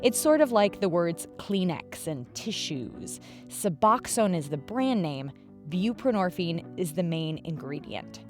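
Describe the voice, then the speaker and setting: A woman narrates a podcast episode in a conversational, explanatory tone. Her pitch moves a lot, rising and falling through each sentence. Faint music plays behind her. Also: animated, a little slow. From Pacific Northwest, US. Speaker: podcast host.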